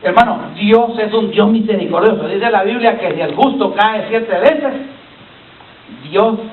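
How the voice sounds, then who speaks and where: A male pastor with a high, unhurried voice preaches a sermon in a church hall, asking the congregation to repeat his lines and repeatedly calling them brother. The recording is echoey and distant, carried over a lo-fi line with a little hiss or hum.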